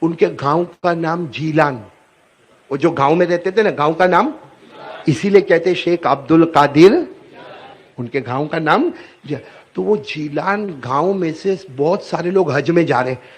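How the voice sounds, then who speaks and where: A man preaching a sermon as a lively story, often prompting the audience to repeat after him. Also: on the high side, slightly rough.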